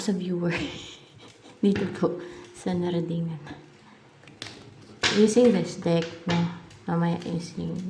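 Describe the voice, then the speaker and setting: A woman with a low, gravelly voice gives a tarot reading to her viewers in a loose, chatty way, thinking aloud as she turns the cards. She drops English words in as she goes. A faint hiss of noise runs under the recording. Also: mellow. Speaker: tarot reader.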